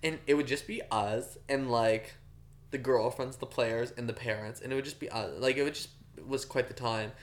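A man's voice: mid-range voice, fairly even intonation, moderate pace. A young adult man hosting a podcast, telling stories in a rambling, self-mocking way with lots of fillers. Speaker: podcast host. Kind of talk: casual storytelling chat.

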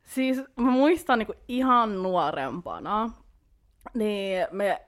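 A woman's voice: mid-range voice, expressive. A young woman co-hosting a casual podcast, thinking aloud in a reflective way with lots of filler words. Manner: reflective, many fillers like niinku and tiiäksä. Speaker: podcast co-host.

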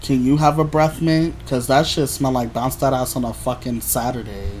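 Young man, mid-pitched voice, casual slangy chat, blunt teasing manner, profane, faint background noise. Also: steady tone, moderate pace, darkish tone. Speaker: podcast host.

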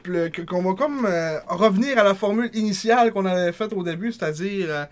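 Higher-pitched Québécois man chatting informally. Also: fairly quick. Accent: Quebec French. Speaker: podcast co-host. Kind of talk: casual chat.

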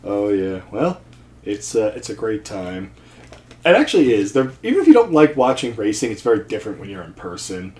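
Brisk and sing-song, with a lowish, darkish voice, this podcast guest from New Jersey, who studies at seminary and works as an accountant, talks casually in a room with echo. He jokes about himself in a dry way and frequently starts his sentences over.

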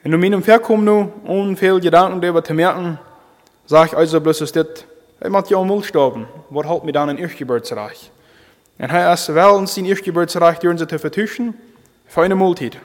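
Man, preacher, halting delivery, slightly high voice, long hall reverb. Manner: halting, repeats and restarts phrases. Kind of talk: sermon.

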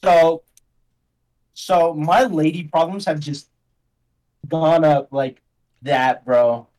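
A young man guesting on a podcast chats casually in a slightly high voice, slow and fairly even in intonation, with a darkish tone on a rough recording. He rambles in slang, packing his talk with "like" and "bro."

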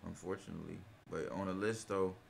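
A young man from North Carolina co-hosting a casual podcast, talking in relaxed slang and getting loud and laughing when he's excited. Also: deep voice, fairly quick, vocal fry, slight background noise. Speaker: podcast co-host. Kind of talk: casual chat.

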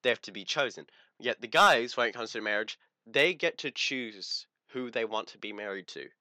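A man's voice: mid-range voice, expressive, normal speed, sharp tone, no echo. A young man co-hosting a casual chat show, brash and crude, laughing often as he tells stories. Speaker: podcast co-host.

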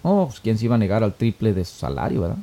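A man's voice: on the low side, sing-song, quick pace, dark tone. A middle-aged man, telling a story and giving advice in a folksy, casual way with many filler words. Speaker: storyteller, moral speaker.

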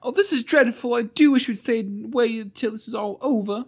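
A man's voice: extremely high pitch, a little fast, slightly rough, pitched above the performer's own voice, heavily acted. A man puts on a frightened young schoolgirl, his voice pushed far above his own. She sounds fretful and anxious throughout.

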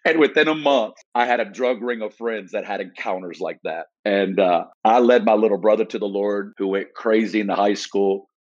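Low-voiced man telling his testimony. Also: fairly even intonation, normal speed, few pauses, highs cut off. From Arkansas, USA. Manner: earnest, vivid storyteller who repeats phrases. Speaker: podcast guest. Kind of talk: personal testimony storytelling.

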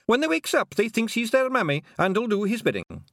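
Tiny blue pixie guy in a kilt, scottish, high and squeaky, polite and a bit shy. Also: huge pitch swings, fairly quick, a bit bright, no room sound, studio quality, full character voice. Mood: chatty. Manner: hesitant, deferential.

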